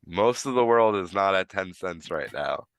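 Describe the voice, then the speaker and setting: A man with a low, expressive voice that's gravelly yet fairly bright and clean hosts a live stream at a moderate pace. His New York accent has a hint of Florida, and he explains things in a rambling, casual way, full of fillers and restarts. The recording is dry and studio quality.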